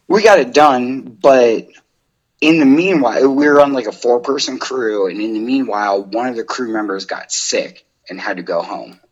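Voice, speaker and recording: Husky young man, rambling casually. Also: mid-range voice, normal speed, muffled recording. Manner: rambling, full of "like". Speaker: guest. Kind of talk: casual interview chat.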